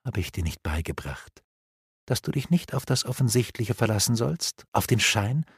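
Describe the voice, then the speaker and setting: A man's voice: medium pitch, sing-song, moderate pace, husky, no room sound, full character voice. A man voicing a cunning, scornful elf sorceress in an audiobook, speaking in a mocking, coaxing way. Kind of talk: audiobook reading.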